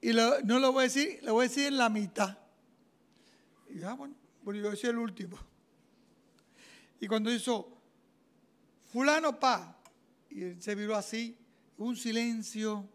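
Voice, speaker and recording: A man, preaching a homily as a deacon and telling his own story in an animated way, acting out the dialogue. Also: very high-pitched, normal speed, long pauses. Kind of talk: sermon with personal testimony.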